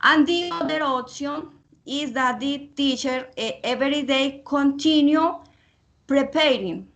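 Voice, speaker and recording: Very slow, hesitant female student speaker. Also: high voice, fairly bright tone, dull audio, faint music behind. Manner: hesitant, many fillers and repeated words. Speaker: English student. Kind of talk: practice speech in English. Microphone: video call.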